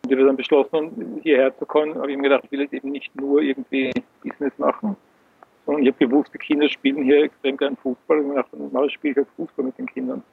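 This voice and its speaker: A man in his fifties heard over a low-quality Skype call, the sound tinny and phone-like. His voice is husky, and he rambles, correcting himself as he goes. The audio is dry, with no room around it. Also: flat delivery, fast, no echo. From Austria. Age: 50s. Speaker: founder of an education center. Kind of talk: interview answers. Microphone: video call.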